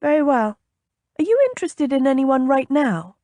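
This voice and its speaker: In an audiobook, a woman voices a chatty, impulsive young noblewoman, pitching her high, warm, animated voice above her own natural one at a moderate pace. The character is bubbly, coaxing, earnest, and prying, with a kindly but insistent mood. The recording is dry and clean, with studio sound.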